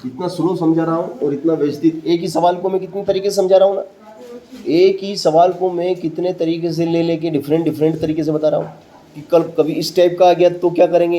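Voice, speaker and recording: A man's voice: a little high, dark tone, slight background noise, low-quality recording. A man teaching a maths lesson to a classroom of students, repeating each step and quizzing them with questions. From central India.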